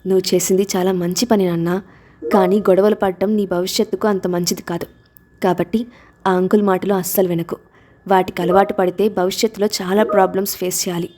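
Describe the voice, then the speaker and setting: A woman's voice: medium pitch, level tone, brisk, darkish tone, slight background noise, lightly acted. A woman voicing a principled mother who speaks firmly in a storybook reading. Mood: gentle. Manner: firm, scolding. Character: principled gentle mother, firm when crossed.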